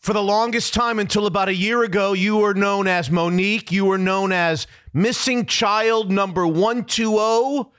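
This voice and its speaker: A man's voice: high voice, steady tone, normal speed, few pauses, a bit bright, clean tone. A man hosting a podcast interview, asking questions in a playful, teasing way. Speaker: podcast host. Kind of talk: conversational interview.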